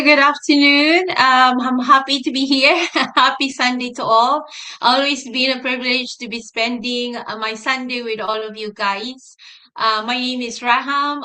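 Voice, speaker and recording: A woman's voice: a little high, bright, forceful tone. A woman, introducing herself on a live stream in a cheerful, friendly way. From Philippines. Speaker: nurse and online business coach.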